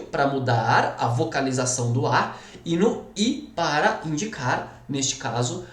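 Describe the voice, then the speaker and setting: A Brazilian man teaches a recorded grammar lesson with a lively, swooping voice. He keeps checking in with the class as he explains each point. The sound is roomy and echoing. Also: on the high side. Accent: Brazilian Portuguese. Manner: chatty and animated, peppers lines with "pessoal" and "tá?". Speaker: Portuguese teacher.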